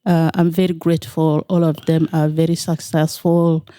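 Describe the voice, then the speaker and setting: A middle-aged woman from South Sudan, a nonprofit founder talking as a studio guest in a measured, hesitant way with many fillers. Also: low voice, level tone, mellow, smooth, dry recording. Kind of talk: interview. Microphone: studio microphone.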